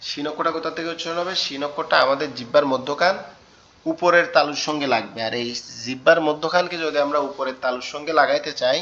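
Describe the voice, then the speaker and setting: A man leads an online class on Arabic letters, speaking in a bright, forward voice. He repeats each sound several times and keeps checking in with the students. The call audio is dull and muffled. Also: on the high side, fast. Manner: patient, repeats sounds and asks the class questions. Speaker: Quran teacher.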